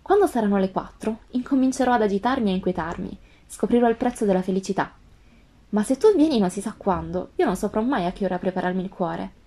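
A woman voicing a gentle, wise female fox with a calm, earnest tone in a storybook reading. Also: mid-range voice, fast talker.

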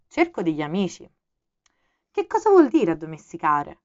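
Una donna che dà voce a un ragazzino principe, curioso e gentile, che fa domande con tono educato, in un audiolibro. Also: female voice, fairly low pitch, wildly swooping pitch, moderate pace, muffled recording. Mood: curious. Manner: inquisitive, gently polite. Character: curious polite young boy prince.

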